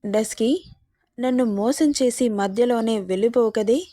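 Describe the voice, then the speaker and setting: A woman's voice: on the high side, unhurried, dark tone, dry recording, clean studio sound. A woman voicing a possessive, domineering young man teasing the heroine in a romance story.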